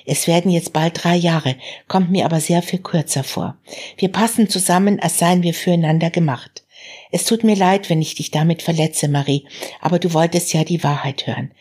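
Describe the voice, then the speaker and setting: Female reader voicing a cheerful tipsy young man, easygoing, low husky tone. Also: moderate pace, a little mellow. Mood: apologetic.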